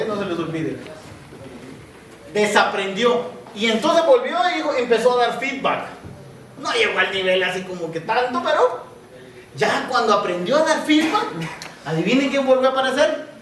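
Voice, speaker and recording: A man, giving a lively talk to students, often asking the room questions and acting out small scenes. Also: high voice, normal speed, recorded from a distance, slight background noise. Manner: asks the audience constant questions; acts out both sides of little scenes. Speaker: speaker at a university talk. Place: large hall with audience. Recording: echoey lecture hall, voice heard from afar.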